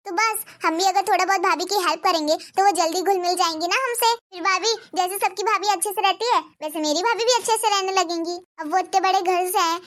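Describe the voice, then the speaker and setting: A woman voicing a kind, dutiful young student in a Hindi cartoon, gentle and reassuring. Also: extremely high pitch.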